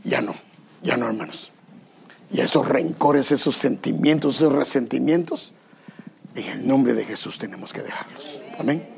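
A man's voice: medium pitch, moderate pace, creaky, long pauses, darkish tone, slight background noise. A man, a pastor preaching a sermon to his church, telling self-deprecating stories and asking the congregation questions. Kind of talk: sermon with personal anecdotes. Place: church service.

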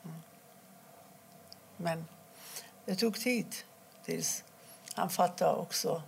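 A middle-aged woman from Iran, telling her own story in an interview, quietly and haltingly, with many pauses. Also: fairly low pitch, vocal fry, a little hiss or hum. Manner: halting, quiet and emotional, pausing often. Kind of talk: personal testimony interview.

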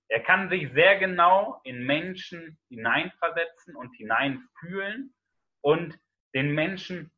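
Enthusiastic man interviewer, lo-fi sound. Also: a little high. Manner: enthusiastic, introduces his guest. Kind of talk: casual interview talk.

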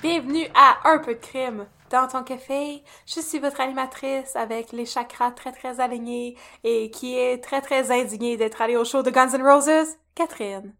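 Quebecois lady podcast host, playful and chatty, pretty high voice. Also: steady tone, normal speed, few pauses, pushed and bright. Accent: Québécois French. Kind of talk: casual podcast chat.

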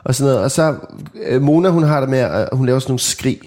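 A man's voice: mid-range voice, darkish tone. A father chatting casually, rambling through an anecdote and acting out the noises in it. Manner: rambling anecdotal, acts out sounds. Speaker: father in a podcast chat. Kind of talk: casual chat.

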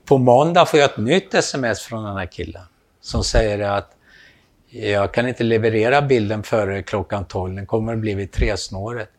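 A man tells a story in a low, gravelly voice. He acts out the quoted lines, and his voice climbs and gets louder when he plays the other people in the story. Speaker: storyteller, photographer. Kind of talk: casual anecdote telling.

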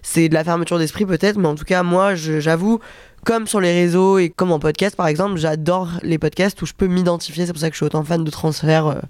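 A woman's voice: on the low side, fairly even intonation, brisk, a little mellow, no room sound. A young adult woman hosting a podcast in a casual, rambling, self-deprecating way, with a nose blocked by a cold. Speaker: podcast host. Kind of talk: casual chatty solo monologue. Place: hotel room.

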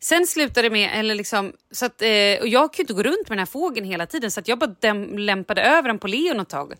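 A woman's voice: on the high side, expressive, fairly bright tone, no room sound. A woman hosting a podcast in casual chat, telling a story with animation and acting out her own lines. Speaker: podcast host.

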